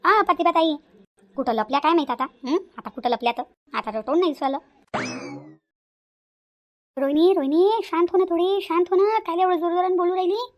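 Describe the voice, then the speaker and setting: A woman voicing an angry young daughter-in-law in a cartoon, shouting. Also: high voice, muffled recording, natural voice. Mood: confrontational. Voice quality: shouting, quick and blunt. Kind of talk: cartoon voice acting.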